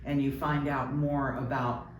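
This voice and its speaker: A man telling stories and explaining things conversationally in an interview, with hesitant pauses. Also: mid-range voice, flat delivery. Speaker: ghost tour company representative and guide trainer. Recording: roomy, distant mic, faint background noise.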